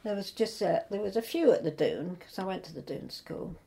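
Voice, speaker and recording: A woman's voice: medium pitch, animated, brisk, gravelly, mellow, slight background noise. An older woman from England reminiscing in casual conversation, hesitant and rambling as she circles back to rephrase. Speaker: interviewee recalling local history.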